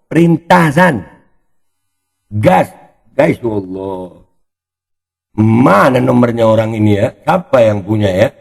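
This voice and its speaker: Gravelly man taunting in slang. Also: medium pitch, lively intonation, slow, pauses often. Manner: taunting, exclamatory, addresses opponent directly. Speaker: commentary channel host. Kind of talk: mocking reaction commentary.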